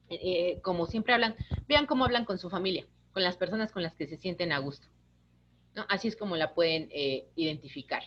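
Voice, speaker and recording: A woman, an instructor giving a lively online lecture, talking with her hands. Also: mid-range voice, muffled recording. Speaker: course instructor.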